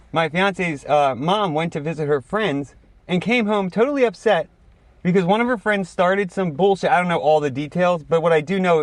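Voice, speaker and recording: Man, podcast co-host, reflective, rambling, slightly high pitch, dry recording. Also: dry recording. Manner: reflective, rambling, laughs often. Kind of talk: casual chat.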